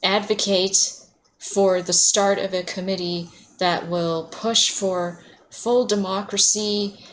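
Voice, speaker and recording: A woman's voice: mid-range voice, fairly even intonation, slow pace. A woman streaming a video game, chatting casually, laughing often and answering her chat by name. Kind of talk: casual livestream chat while playing.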